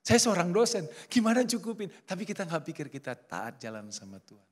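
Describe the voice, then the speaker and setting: A man's voice: sits high, a little fast. A middle-aged man preaching a sermon at a church service, telling stories with acted-out quotes. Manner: lively storytelling with acted quotes. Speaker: pastor.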